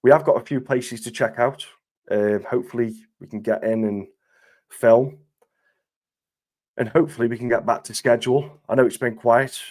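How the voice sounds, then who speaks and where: A man's voice: mid-range voice, steady tone, normal speed, long pauses, a little mellow. A man hosting a casual live-stream chat, his voice groggy from illness, chatty and matey with frequent laughs.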